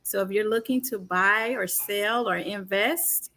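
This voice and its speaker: A woman's voice: mid-range voice, measured pace, pushed and bright. A middle-aged woman, a real estate broker guesting on a podcast, chatting in a confident, playful way. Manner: confident, self-assured, playful. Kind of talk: casual chat.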